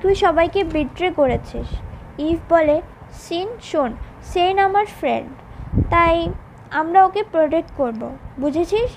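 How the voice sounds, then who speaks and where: A woman's voice: very high voice, lively intonation, a little hiss or hum, poor audio. A woman narrating a recap of a drama episode and reading out the characters' lines in her own voice. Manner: quick plain storytelling that reads out the characters' lines in her own voice. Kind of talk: retelling a drama episode with quoted dialogue.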